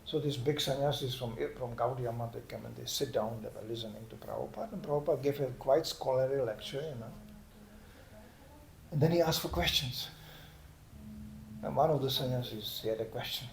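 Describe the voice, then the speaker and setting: An older man preaching in a lively storytelling manner, often adding "you know". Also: mid-range voice, a little fast, gravelly. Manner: lively anecdotal telling with "you know" asides. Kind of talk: storytelling sermon. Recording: echoey room, faint background noise.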